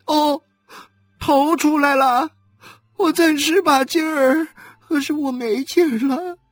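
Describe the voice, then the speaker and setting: A woman's voice: on the high side, very animated, takes it slowly, a bit bright, slightly rough, dry recording, studio quality, soft background music, voice pushed up, exaggerated voice. A woman voicing a young wife in agonizing labor who sobs, wails and screams curses at her husband in an audiobook. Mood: wailing in pain. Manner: wailing, sobbing, screaming curses.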